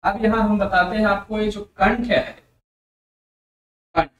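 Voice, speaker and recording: A man teaching a Hindi grammar lesson for exam preparation, explaining slowly and repeating letters and sounds aloud for his students. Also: sits high, a bit bright. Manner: addresses viewers as dear friends. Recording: very echoey room.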